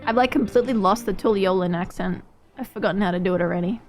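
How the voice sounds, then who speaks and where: A woman's voice: medium pitch, fast. A woman streamer chatting and joking while reading game dialogue aloud. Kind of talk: casual gameplay commentary. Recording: game music under voice.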